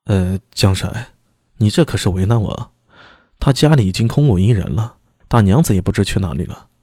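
A man's voice: on the low side, expressive, moderate pace, dark tone, husky, no echo, clean studio sound. A man voicing a cautious male constable in an audio story, speaking in a hesitant, placating way. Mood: wary.

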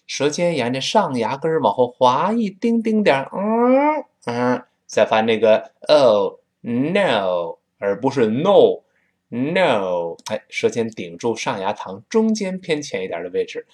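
Lively Tianjin-accented male teacher. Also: mid-range voice. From Tianjin, China. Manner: drawn-out slow demonstrations of words; lively and chatty. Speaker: English teacher. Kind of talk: spoken English lesson.

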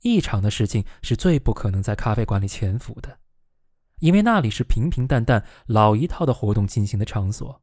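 A man narrates a novel in an animated reading, his pitch rising and falling widely. His voice sits at a middle pitch and sounds dry and close, with no room around it. He lifts his voice when he speaks the characters' lines. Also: a little fast, no echo. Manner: lively, voices the quoted characters with raised pitch.

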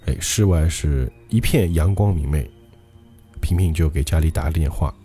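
A male podcast host telling a ghost story in a dramatic, lively way. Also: a bass voice, normal speed, faint music behind.

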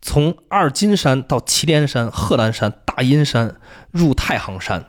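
A man's voice: mid-range voice, lively intonation, unhurried. A man with a Beijing accent explaining things in casual talk as a feng shui expert, emphatic, repeating phrases and answering his own questions.

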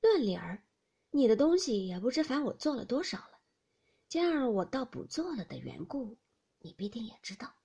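A woman's voice: fairly high pitch, sing-song, warm tone, husky, muffled recording, full character voice. A woman voicing an outspoken, blunt teenage noble girl who teases and scolds. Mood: teasing, indignant. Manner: blunt, quick-tongued, scolding.

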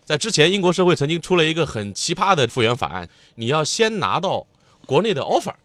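Fast-talking male history explainer. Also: a little high, sing-song, a bit bright, dry recording. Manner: explanatory, quick, conversational. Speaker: podcast co-host. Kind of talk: casual history chat.

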